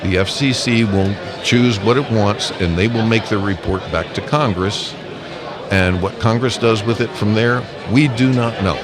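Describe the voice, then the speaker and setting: Over music, a man with a fairly low pitch talks at a moderate pace, guesting in a casual live interview on behalf of an amateur radio association. He explains emphatically and step by step while a busy convention crowd chatters behind him.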